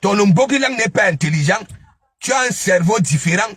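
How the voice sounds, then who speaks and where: A man's voice: high voice, animated, a little fast, a bit bright, breathy edge, dry recording, faint music behind. A man giving a taunting, scolding commentary, mocking his target and repeatedly asking "hein?". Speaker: online gossip commentator. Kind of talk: ranting live commentary.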